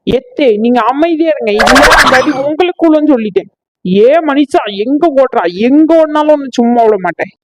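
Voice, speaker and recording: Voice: high voice, fairly even intonation, moderate pace, a little mellow, no room sound, lightly acted. A performer voicing a distraught, hot-tempered young daughter-in-law in a cartoon family comedy. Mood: furious. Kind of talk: exaggerated cartoon comedy voice acting.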